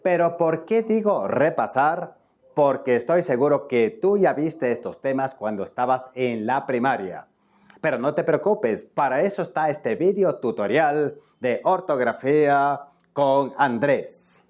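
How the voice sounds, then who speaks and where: A man's voice: medium pitch, animated, measured pace, darkish tone. A man from Ecuador teaching spelling in a video tutorial, explaining each rule step by step and often checking in with his viewers.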